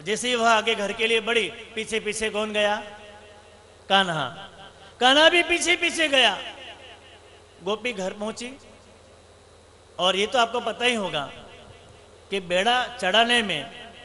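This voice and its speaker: A man's voice: high voice, takes it slowly, long pauses, pushed and bright. A man, a monk, preaching a sermon with storytelling, rhetorical questions and emphatic repetition.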